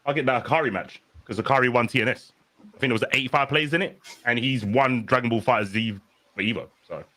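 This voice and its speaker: A man's voice: mid-range voice, fast talker, bright, forceful tone. A man chatting casually as a debater in an online gaming discussion. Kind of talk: casual chat.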